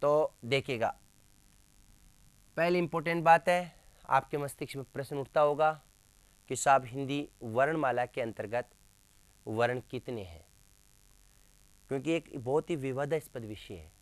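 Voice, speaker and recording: A man's voice: mid-range voice, a little slow, pauses often, no room sound. A male teacher giving a classroom lecture, asking questions and answering them himself, repeating key terms with emphasis. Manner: addresses listeners as friends, emphatic.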